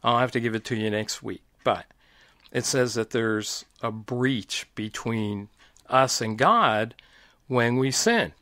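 A middle-aged man giving an informal, deliberate Bible teaching talk, explaining passages step by step. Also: medium pitch, pushed and bright, dry recording.

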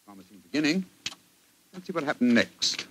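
An actor playing a genial, pompous, bumbling English doctor with a British accent in a 1940s radio drama. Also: male voice, on the high side, big pitch swings, brisk, a bit bright. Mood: storytelling. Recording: noisy 1940s radio recording.

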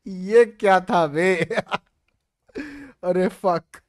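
A young Indian man reviews memes in casual commentary, swearing, laughing and using slang. His voice is high and fairly bright, with a little hiss or hum in the recording.

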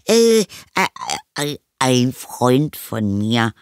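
A woman's voice: very deep voice, very animated, extremely slow, dry recording, clean studio sound, pitched above the performer's own voice, heavily acted. A woman voicing a flustered young boy in an audiobook reading, stammering and evasive as he hides a secret. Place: studio.

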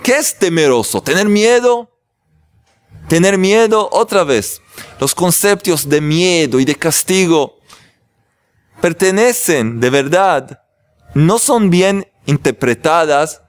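A man leads a religious class as a rabbi, joking with viewers before explaining the text. His voice sits a little high and swings widely in pitch. The sound is dry, with no room echo. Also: takes it slowly. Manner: animated, joking with the audience, then explaining. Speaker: rabbi teaching a weekly class.

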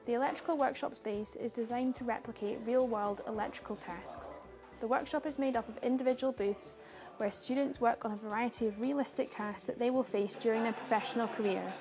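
A young woman giving a scripted guided tour, calm and informative like a guide, speaking clearly. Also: a little high, fairly quick. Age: young adult. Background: background music.

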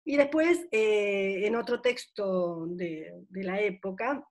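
A middle-aged woman lecturing at an academic conference, her voice sitting at an ordinary middle pitch. She talks thoughtfully and reflectively, stopping often on long fillers while she finds the next phrase. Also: takes it slowly. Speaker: university professor.

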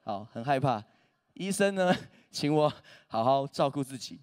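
A man's voice: medium pitch, animated, normal speed, a little mellow. A man, preaching a humorous sermon as a pastor, telling stories with self-mocking jokes. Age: 30s. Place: church stage.

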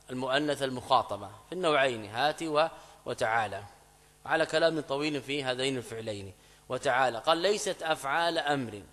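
A man teaching an Arabic grammar lesson in a mosque. He explains step by step, repeats key phrases, asks students checking questions, and reads quoted examples slowly and louder. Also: medium pitch. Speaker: Islamic scholar teaching grammar. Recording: long mosque reverb.

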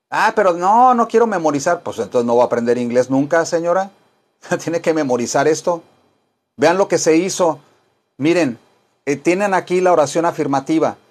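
A man teaching an English lesson, drilling phrases with slow repetition and modeling English sentences. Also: fairly high pitch, darkish tone.

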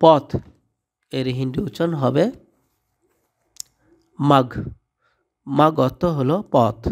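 A man's voice: medium pitch, fairly even intonation, takes it slowly, creaky, darkish tone. A man teaching a vocabulary lesson, saying each word and its translation and then repeating the pair. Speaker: language tutor.

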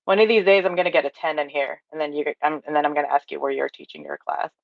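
A woman's voice: low-pitched, steady tone, fast talker, gravelly, dry recording. A woman in her thirties from Hawaii, giving an upbeat online training from a home office and reading out replies from the chat, with many fillers along the way. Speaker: workshop trainer. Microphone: webcam or laptop mic on a video call. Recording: dry, dull lo-fi video call audio.

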